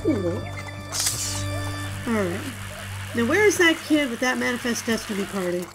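A woman with a bright, high voice chats loosely as she plays through a video game, drifting into playful, rambling asides. Game music plays clearly behind her. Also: sing-song, moderate pace, rough recording. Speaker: let's play host. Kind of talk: casual gameplay commentary.

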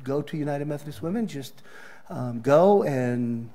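Slightly high-voiced Southern pastor. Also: male voice, lively intonation, measured pace, warm tone. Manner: friendly, filler-heavy with frequent ums. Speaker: pastor giving announcements. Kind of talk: welcome and announcements. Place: church sanctuary.

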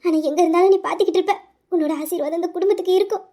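A performer voicing an aging gentle father who speaks through tears and laughter, in an amateur audio drama. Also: very high-pitched, steady tone, very fast. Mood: tearful joy.

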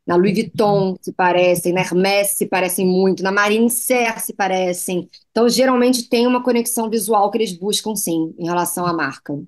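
A Brazilian woman with a Brazilian Portuguese accent, a fashion designer telling lively anecdotes as a guest in a TV interview. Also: mid-range voice, moderate pace, hardly any pauses. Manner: lively anecdotes, slips into foreign phrases. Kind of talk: TV interview storytelling.

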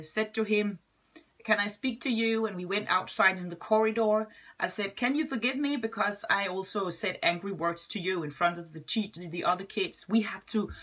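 Husky soft-spoken woman. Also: medium pitch. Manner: gentle, plain storytelling with soft trailing endings. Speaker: schoolteacher and guest speaker. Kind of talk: short personal testimony.

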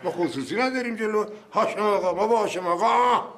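An actor playing a blustering working-class father in a TV drama, with a gravelly voice. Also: high voice, fairly bright tone, slight background noise.

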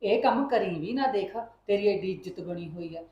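In a short film, a woman plays a calm middle-aged mother who coaxes and counsels her son, motherly at first and then rising to firm scolding. Her medium-pitched, warm voice has lively intonation and normal speed, close to an everyday voice. The highs are cut off, and the room is echoey.

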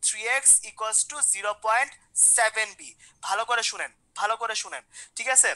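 Fast, bright-voiced woman chemistry teacher. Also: on the high side, poor audio. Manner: repeats questions, coaxes students by name. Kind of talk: online class lecture.

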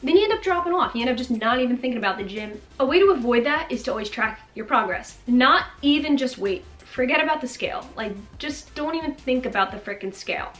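A woman in her twenties giving upbeat fitness tips to camera in a bright bedroom, chatty and coaxing, often checking in with "okay?". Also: high voice, quick pace, few pauses, soft background music. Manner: energetic, chatty, coaxing with frequent "okay?" and big hand gestures. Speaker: fitness vlogger. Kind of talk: upbeat motivational talk to camera.

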